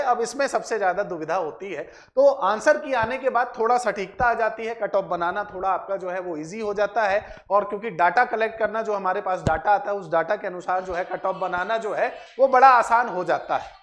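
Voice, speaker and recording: A mid-range voice, fairly quick with hardly any pauses, belongs to an exam-prep teacher who runs a channel. The teacher explains to students, goes over points again and checks in using short tag questions.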